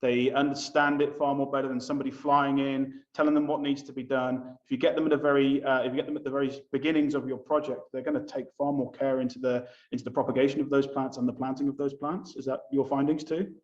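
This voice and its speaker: A man interviewing a guest, talking rapidly and enthusiastically, restarting and rushing on. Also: medium pitch, level tone, darkish tone, roomy sound, distant mic, highs cut off. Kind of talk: interview questions.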